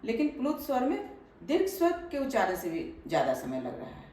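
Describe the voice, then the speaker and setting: A woman teaching a grammar lesson to children, patient and repeating phrases slowly, often checking whether they understood. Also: on the high side, huge pitch swings, mellow, heavy reverb, recorded from a distance, rough recording. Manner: asks pupils if they understood.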